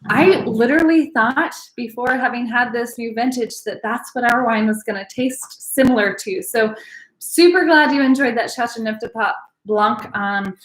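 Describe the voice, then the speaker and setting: A woman's voice: on the high side, moderate pace, reverberant, poor audio. A woman teaching a live online wine class, chatty and bubbly, with many fillers. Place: home room, live video class.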